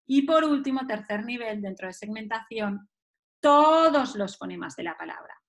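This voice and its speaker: A woman presenting an educational webinar, explaining step by step and sounding out words slowly as a model for teachers. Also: on the high side, lively intonation, vocal fry. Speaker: webinar presenter on early literacy.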